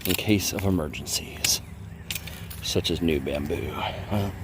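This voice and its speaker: A low-pitched, slightly slow-speaking man from the southern United States, a hobbyist bladesmith, records a lighthearted handheld phone vlog demonstrating outdoors in a bamboo grove. He teases the plants as he talks, over background noise.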